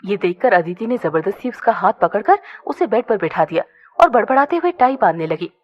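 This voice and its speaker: A woman narrating a scripted romantic audio story in an expressive storytelling voice. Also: mid-range voice, brisk. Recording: dull lo-fi recording.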